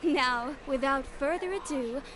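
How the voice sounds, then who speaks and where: A female store announcer from a game, calling out to customers in a supermarket-style announcement. Her voice sits high and her delivery is polished and upbeat, like a product-launch sales pitch. A steady hiss of noise runs under the recording. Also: measured pace.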